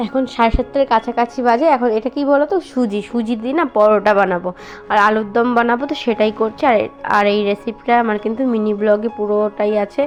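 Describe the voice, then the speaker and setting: Young woman home vlogger, chatty and casual, slightly high voice, music bed behind. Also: fairly even intonation, fast talker. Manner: chatty, many fillers, addresses viewers as guys; speaks softly so as not to wake her baby. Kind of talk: casual home vlog narration. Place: home kitchen and bedroom, indoors.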